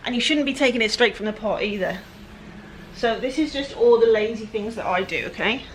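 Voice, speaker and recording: A woman's voice: fairly high pitch, fairly quick, slight background noise. Chatty West Country woman. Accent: West Country English. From England-Wales border, UK. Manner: chatty, rambling, self-deprecating. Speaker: furniture flipper. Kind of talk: casual DIY vlog narration.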